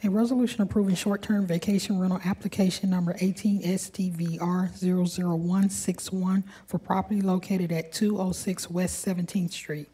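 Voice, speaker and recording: A woman's voice: fairly low pitch, steady tone, moderate pace, few pauses, warm tone, slightly rough, low-quality recording. A woman clerk formally reading official resolutions aloud. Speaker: city clerk.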